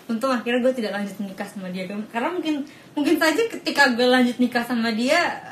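Woman co-host, animated storyteller, a bit high-pitched, echoey room. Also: quick pace. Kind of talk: casual podcast chat. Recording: roomy echo, faint noise.

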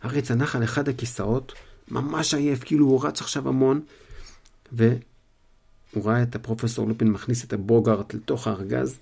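Gravelly, mellow male storyteller. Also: medium pitch, fairly even intonation. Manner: retells in his own words with fillers. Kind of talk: casual storybook retelling.

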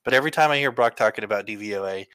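A man's voice: fairly low pitch, rapid-fire, fairly bright tone, clear, resonant tone, no echo. A man co-hosting a casual sports podcast, joking and teasing the others. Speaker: podcast co-host.

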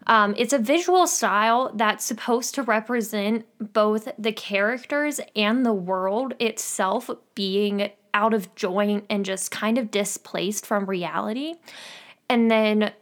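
A woman co-hosting a podcast, chatting casually about a film in a relaxed way. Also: medium pitch, takes it slowly. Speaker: podcast co-host.

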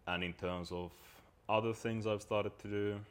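A man from Finland, a guest talking reflectively and pausing to search for words. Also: on the low side, fairly even intonation, clear, resonant tone. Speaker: podcast guest. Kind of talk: casual conversation.

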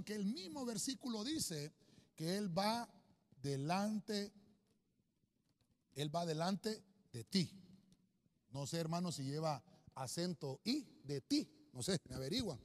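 A man preaches with fervor, his high voice leaping up and down as he presses each point. The sound rings with a long reverberant tail, like a small gathering in a room that echoes. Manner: fervent, repeatedly says "hermano". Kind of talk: sermon. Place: small church gathering, in a home.

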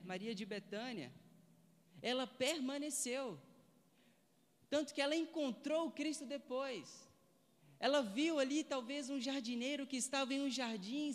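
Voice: high voice, big-room sound. A preacher giving a sermon, asking the listeners one rhetorical question after another.

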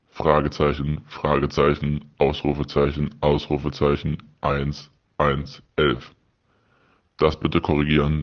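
A man in his thirties leaving a deadpan answering machine message as a listener caller, reading out punctuation marks. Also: a bass voice. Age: 30s. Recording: dull lo-fi voicemail recording.

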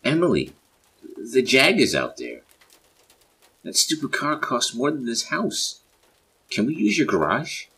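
A man voicing a bold, stubborn woman who shouts scornful outbursts. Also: a bass voice, big pitch swings, slow pace, long pauses, a little hiss or hum, full character voice, rough recording. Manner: loud, sneering outbursts.

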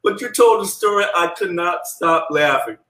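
Fairly high male voice, teasing friend, reverberant room. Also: animated, sharp tone. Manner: teasing, laughs while telling, drawn-out delivery. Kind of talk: casual chat.

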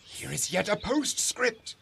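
A man's voice: high-pitched, big pitch swings, slow pace, vocal fry, background noise, heavily acted. An actor playing a pompous, self-deluded male steward who reads aloud in a preening, theatrical way. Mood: gloating. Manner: preening, savoring each word, theatrical swoops. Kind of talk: amateur reading of a classic stage play.

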